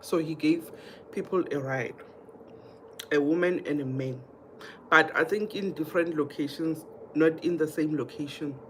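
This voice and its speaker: A deep-voiced woman from Mpumalanga, South Africa, talks at a moderate pace on a rough recording with a slight hiss or hum. As a livestream host with a South African accent, she casually chats to viewers, reads comments, tells anecdotes and often repeats herself.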